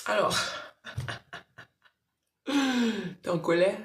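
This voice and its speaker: A woman's voice: mid-range voice, lively intonation, very slow. Woman giving a live spiritual reading, echoey room. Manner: warm coaxing, talks directly to viewers by name.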